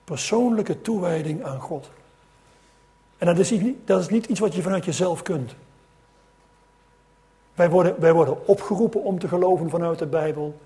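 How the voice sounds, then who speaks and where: A man's voice: high voice, moderate pace, pauses often, mellow. A middle-aged man preaching a sermon, telling a story with rising emphasis and frequent restarts.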